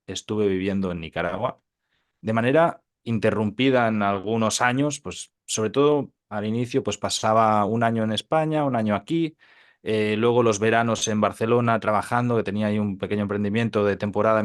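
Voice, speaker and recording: In a laid-back interview, a podcast guest tells stories about his work as a digital entrepreneur. He's a Catalan man in his 30s with a low, casual voice, and his informal delivery halts often, with repeated words and tag questions.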